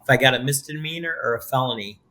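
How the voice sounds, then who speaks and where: A man hosts a casual podcast chat in a bright, forceful voice. He jokes and teases his way through the talk, loose and conversational. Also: medium pitch, quick pace, low-quality recording. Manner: joking, teasing banter. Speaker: podcast host.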